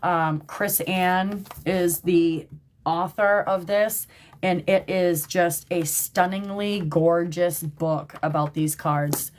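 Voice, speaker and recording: A chatty woman with a fairly low voice, hosting a casual livestream from her phone. She talks in an emphatic, conversational way and keeps checking in with her viewers. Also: steady tone, slow pace, a little mellow, slight background noise. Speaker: tarot reader and livestream host. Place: at work in a shop.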